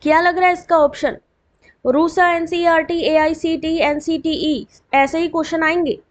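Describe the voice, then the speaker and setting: A woman teaching an exam revision lesson online, reading out full forms slowly with quick chatty asides to her students and a dry throat. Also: very high-pitched, fairly even intonation.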